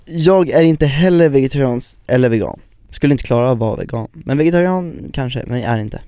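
Guy co-hosting a chatty podcast, animated storyteller, mid pitch, dry close sound. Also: smooth, no echo. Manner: lively storyteller who acts out quotes. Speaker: podcast co-host. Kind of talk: casual podcast chat.

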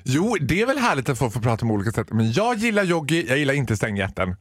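A man chatting as a guest on a morning radio show, animated and mimicking voices, dropping into English phrases. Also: mid-range voice, dry recording, studio quality. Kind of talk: casual morning radio banter.

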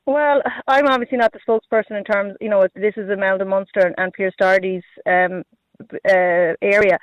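A man's voice: high voice, fairly even intonation, a little fast, dry recording, highs cut off. A man with a west of Ireland accent answering as a politician in a radio interview, hesitant and repeating himself. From Galway, Ireland. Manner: hesitant, repetitive, heavy use of "you know" and "like". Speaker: politician, party representative.

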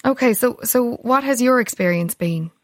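A woman's voice: a little high, lively intonation, moderate pace, no echo. A woman with an Irish accent hosting a radio interview, asking questions in a careful, tentative way.

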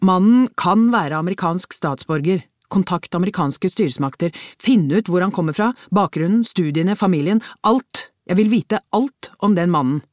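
A reader doing a commanding male police chief who snaps out orders fast and loud. The voice sits close to the mic in a dry, dead room, pushing each instruction with urgency. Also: medium pitch, no echo, voice pushed up, close to an everyday voice. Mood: urgent. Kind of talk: audiobook character voice.

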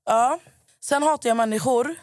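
A hoarse woman hosting a podcast, ranting in casual chat and swearing a lot. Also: a little high, no echo, clean studio sound. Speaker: podcast host.

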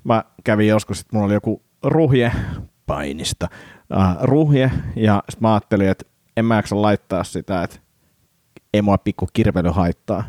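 A man's voice: fairly low pitch, lively intonation, darkish tone, dry recording, studio quality. A man co-hosting a casual podcast, talking in a chatty, teasing way with many restarts. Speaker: podcast co-host. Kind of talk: casual chat.

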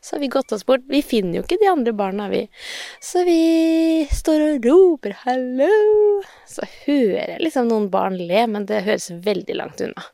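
A woman in her thirties hosts her own podcast, telling stories in a chatty, self-mocking way. Her voice has a gravelly edge of vocal fry at middle pitch. The sound is dry and close, recorded outdoors on a phone. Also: no echo. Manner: chatty, self-mocking, animated retelling with laughs. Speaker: podcast host. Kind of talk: casual storytelling monologue. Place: outdoors in the sun by a shed.

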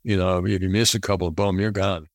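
Low, plain-spoken man reflecting. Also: steady tone, fairly quick, no echo, studio quality. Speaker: former football kicker. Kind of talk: interview reflection.

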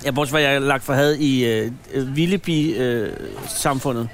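A man chatting casually on a podcast in a café, with teasing, dry remarks. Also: medium pitch. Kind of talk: casual chat.

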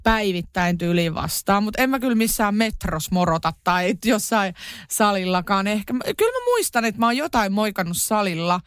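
A young woman co-hosts a casual podcast, laughing easily and mimicking the people she talks about. Her voice is smooth and clear, recorded close in a dry room. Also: mid-range voice, lively intonation, no room sound. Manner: giggly, playful, mimics greetings. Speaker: podcast co-host. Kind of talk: casual chat.

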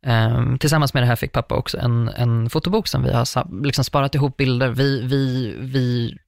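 A young man chats casually and tells a personal story at length. He rambles, circles back and leans on fillers, in a middle-pitched voice. The sound is dry and close, with no room echo. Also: steady tone, vocal fry. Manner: rambling, filler-heavy, warmly anecdotal.

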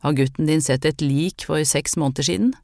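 Voicing a character in an audiobook, the reader plays a stern old folk healer, an old woman who issues gruff, brusque, matter-of-fact commands. The voice is mid-range and darkish, only lightly acted, recorded in studio quality with no echo.

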